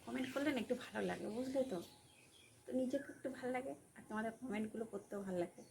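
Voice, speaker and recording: A woman's voice: a little high, fast talker, vocal fry, noisy background. A young woman vlogging in a casual, coaxing way, often asking her viewers tag questions.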